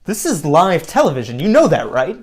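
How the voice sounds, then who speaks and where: Smug male tv news host in a show, bit high voice, polished delivery, keeps needling the guest. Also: huge pitch swings, brisk. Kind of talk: broadcast interview acting.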